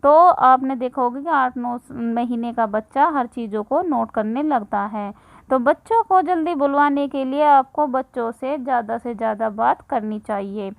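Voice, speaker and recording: High-pitched mom explaining parenting tips, dry close sound, lots of little pauses. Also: female voice, creaky, no room sound, rough recording. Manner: conversational, with frequent filler pauses. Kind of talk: casual instructional talk.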